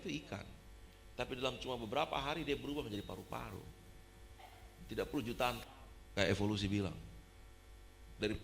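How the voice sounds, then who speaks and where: A male pastor with an Indonesian accent, preaching a sermon in an animated way that swings between loud, high passages and quiet, low ones, with English phrases mixed in. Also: vocal fry, a little hiss or hum.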